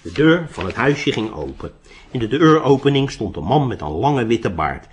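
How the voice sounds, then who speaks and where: Expressive man reading a storybook. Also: medium pitch, normal speed, slight background noise. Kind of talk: storybook narration.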